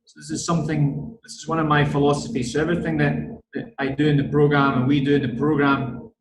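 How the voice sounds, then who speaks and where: A man with a broad Scottish accent giving an online strength and conditioning lecture, deliberate and repeating words for emphasis. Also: a little high, little pitch movement, reverberant, background noise.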